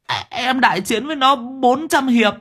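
A man voicing a whiny young man in pain, whimpering and pleading in a high voice. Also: lively intonation, normal speed, pushed and bright, husky, full character voice.

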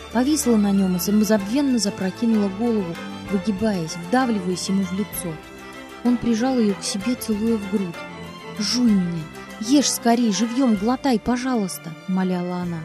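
A woman narrating a novel as an audiobook, in a lively, expressive reading. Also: mid-range voice. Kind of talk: scripted literary narration.

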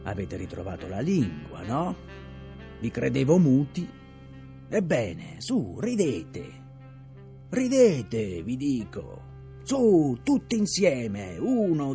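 A man's voice: lowish voice, a little mellow, natural voice. A man voicing a delirious, unhinged first mate who shrieks and jeers. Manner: shrieking, jeering.

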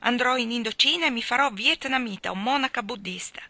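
Anxious exasperated hostess, strained and raised, bright timbre, read by a woman. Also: on the high side, brisk, no room sound, voice pushed up. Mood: desperate. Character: desperate young American hostess.

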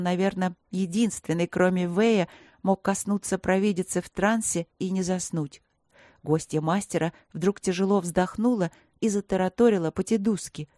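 Woman reading an audiobook, calm measured narration, warm dark tone. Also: on the low side, dry recording, clean studio sound. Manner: measured storytelling. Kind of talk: scripted narration.

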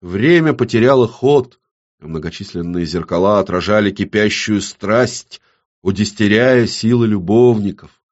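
A man narrating an audiobook in a measured, intimate storytelling manner. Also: lowish voice, dull audio.

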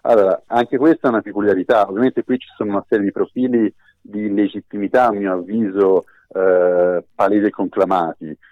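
A man's voice: on the low side, steady tone, fairly quick, no room sound. A man speaking over the phone as a legal expert guest in a radio interview, explaining in a formal, precise way. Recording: tinny phone line.

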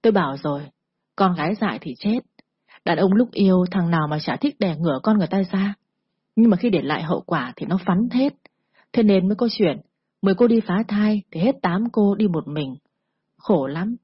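A harsh, lecturing middle-aged lady doctor, full of contempt, as a woman reads her lines. The voice is very breathy and husky, recorded dry and close with a slightly muffled, lo-fi sound. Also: medium pitch, lively intonation, brisk, no echo. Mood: scolding. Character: blunt scornful middle-aged female doctor.

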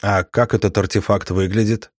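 A cautious, wry male mage from a fantasy audiobook, read by a man in nearly his own voice. The voice sits low and speaks in a measured, dry way. The recording is close, with no room sound. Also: steady tone, no echo, lightly acted.

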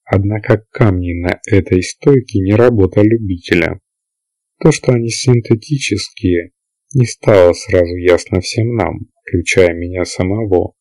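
Shrewd seasoned male trader voiced by the reader, measured and reasoning; dry close sound. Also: deep voice, darkish tone, no echo. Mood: puzzled. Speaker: character in an audiobook. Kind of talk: audiobook character reading.

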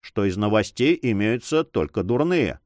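A man's voice: fairly low pitch, animated, normal speed, a little mellow, dry recording, clean studio sound, natural voice. A man voicing a commanding leader who speaks in an imperious, businesslike way. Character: commanding male leader of the partners.

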